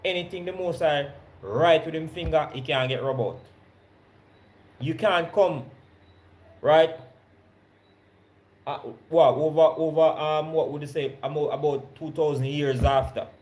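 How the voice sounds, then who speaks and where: A man with a Jamaican accent giving a Bible study sermon. He reads verses slowly with stressed key words, then explains them conversationally and checks in with his listeners. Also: fairly high pitch, a little mellow. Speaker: Bible teacher.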